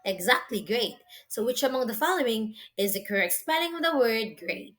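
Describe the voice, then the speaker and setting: A woman teacher giving a slow school dictation quiz, asking questions deliberately and confirming the answers with encouragement. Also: a little high, big pitch swings, a bit bright. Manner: slow, deliberate delivery, spelling words out letter by letter; encouraging, praising the listener.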